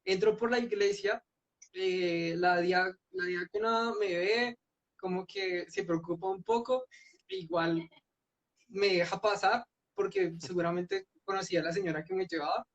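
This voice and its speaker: High, gravelly young man telling his testimony. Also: lively intonation, measured pace. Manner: earnest storytelling with frequent restarts. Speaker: guest giving his testimony. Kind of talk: personal testimony in a church youth meeting. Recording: dull lo-fi sound.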